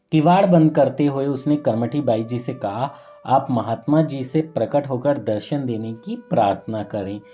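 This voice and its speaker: A man's voice: mid-range voice, warm tone. A man narrating a saint's life story in a reverent, earnest devotional storytelling manner, now and then correcting himself mid-phrase. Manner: earnest, reverent retelling with occasional self-corrections.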